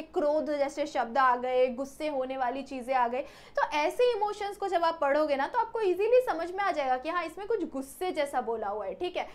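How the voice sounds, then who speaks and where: Young woman, high voice, teaching exam grammar, asks and answers her own questions, says okay a lot. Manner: repeats "ठीक है" often, mixes English words in. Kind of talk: exam-prep grammar lesson.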